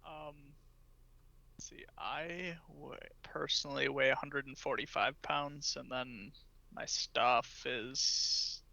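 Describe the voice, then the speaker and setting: Guy with a sharp gravelly voice playing a tabletop game, dry close sound, easygoing. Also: mid-range voice, steady tone, slow pace, no room sound, poor audio. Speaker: player. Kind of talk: casual tabletop play.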